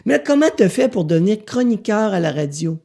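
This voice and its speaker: A Québécois man acting out an eager, skeptical male listener who presses him with quick questions, in a higher voice. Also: very animated, gravelly, mellow, heavily acted. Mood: pressing.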